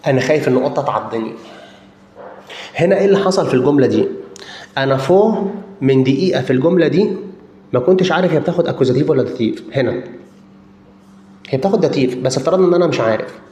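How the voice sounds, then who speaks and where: A man's voice: on the high side, animated, racing, pauses often, a little mellow. A man with an Egyptian Arabic accent teaching a German grammar lesson. He explains step by step, checks in with listeners often, and drags out words and repeats them while he thinks. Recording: roomy echo.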